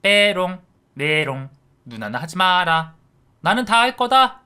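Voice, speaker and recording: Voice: medium pitch, slow pace, sharp tone, clean tone. A man voicing a mischievous young boy who teases his older sister in a narrated story. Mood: teasing. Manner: teasing, whiny, stammering when caught. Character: cheeky mischievous young boy, little brother.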